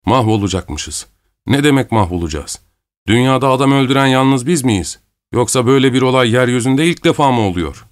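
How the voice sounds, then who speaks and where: A man voicing a coarse, mocking, hot-tempered male peasant in a storybook reading, speaking raised and rough. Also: medium pitch, expressive, a little fast, pitched above the performer's own voice, close to an everyday voice. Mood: angry. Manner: mocking, then shouting angrily.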